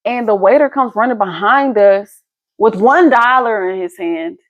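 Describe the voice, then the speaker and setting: A woman co-hosting a podcast, telling stories in casual chat with animated, emphatic delivery. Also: mid-range voice, normal speed, dry recording, highs cut off. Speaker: podcast co-host.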